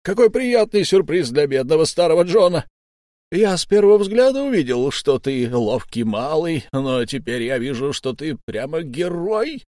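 A man voicing a sly, smooth-talking old pirate captain whose mock friendliness hides a threat, in an audiobook. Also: on the high side, sing-song, normal speed, a little mellow, no room sound, clean studio sound, voice pushed up. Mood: coaxing. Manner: mock-friendly, coaxing, menacing underneath.

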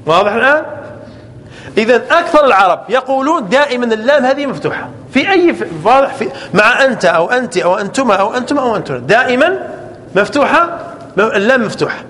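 High-voiced man teaching grammar. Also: big pitch swings, fairly bright tone. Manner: explains slowly, drawing out example words and checking understanding often. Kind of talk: classroom lesson. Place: classroom. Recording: echoey hall with faint ambient noise.

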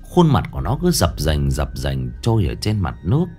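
A man's voice: a bass voice, huge pitch swings, moderate pace, darkish tone, husky, faint music behind. A man narrating a ghost story dramatically, lingering on eerie details.

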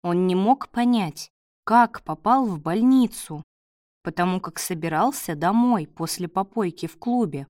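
A woman narrating an audiobook in a steady, measured reading. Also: fairly low pitch, no echo, studio quality.

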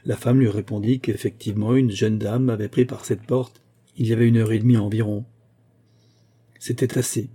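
Dark, husky male narrator. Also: on the low side, steady tone, normal speed. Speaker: audiobook narrator. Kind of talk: scripted narration.

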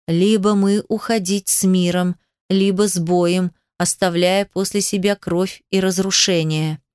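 A woman voicing a grave foreign male envoy who speaks slowly in broken grammar. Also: lowish voice, fairly even intonation, a little mellow, clean tone, no room sound, studio quality, close to an everyday voice. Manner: slow, measured, broken grammar.

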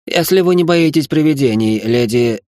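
A woman's voice: a bass voice, animated, normal speed, dark tone, no echo, studio quality, pitched below the performer's own voice. A woman voicing a stiff, disapproving male butler in a formal, reproachful tone. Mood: warning. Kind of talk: audiobook character voice.

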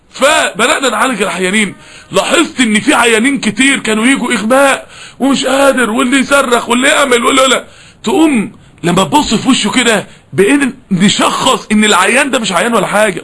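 Egyptian guy preaching fast and fired up, bright pushy tone, shouts a lot. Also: high voice. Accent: Egyptian Arabic. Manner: impassioned, often shouting. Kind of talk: sermon.

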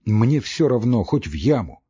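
A man voicing a middle-aged male doctor who is nervous and breaking down, with a husky voice and shrill, tearful shouting. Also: sing-song, a little slow, lo-fi sound, exaggerated voice. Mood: weary.

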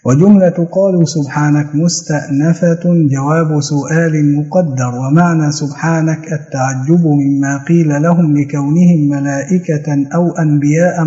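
Man, audiobook reader, formal measured recital, mellow tone, dull lo-fi recording. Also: a little high. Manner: measured, formal recital, slows for quoted verses. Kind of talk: formal reading of classical scripture commentary.

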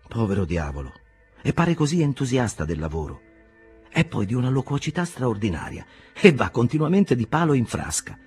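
A man voicing a sober, earnest young man who explains things in a measured, matter-of-fact way. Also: medium pitch, very animated, darkish tone, slightly rough, faint music behind, pitched above the performer's own voice, heavily acted.

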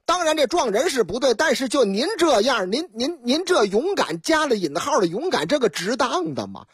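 Husky, lively woman radio host. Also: sits high, moderate pace, dry recording. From Liaoning, China. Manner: chatty, dramatic, colloquial, acting out scenes. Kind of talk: storytelling news commentary. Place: radio studio. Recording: dry close studio sound.

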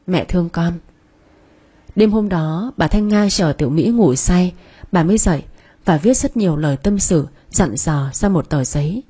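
A woman, reading a story in a calm, measured way. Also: on the low side, breathy edge. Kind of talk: scripted narration.

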